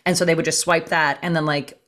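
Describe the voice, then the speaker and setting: A woman casually telling a funny story in a chat, animated and acting out quoted lines. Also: brisk. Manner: animated, acts out quotes in a high voice.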